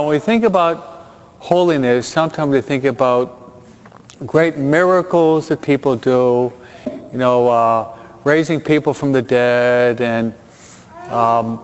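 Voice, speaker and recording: A man with a smooth, mid-range voice preaches a sermon in a chatty, conversational way, often checking in with his listeners and slipping Spanish words into his English. The recording sounds dull, with a long hall reverb.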